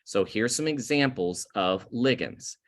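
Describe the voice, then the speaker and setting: A male chemistry teacher giving a recorded lecture over slides, explaining slowly, stressing key terms and correcting himself as he goes. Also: mid-range voice, lively intonation.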